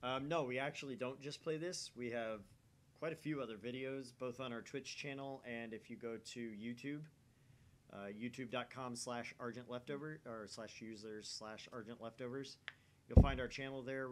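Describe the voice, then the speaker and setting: A man's voice: mid-range voice, moderate pace, a little hiss or hum. A man chatting casually as he hosts a visual novel reading stream. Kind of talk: casual chat.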